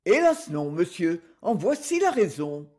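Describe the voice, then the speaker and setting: Woman doing an unctuous fidgety clerk, self-important, breathy, slow. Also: lowish voice, very animated, mellow. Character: small fidgety gentleman clerk, unctuously polite.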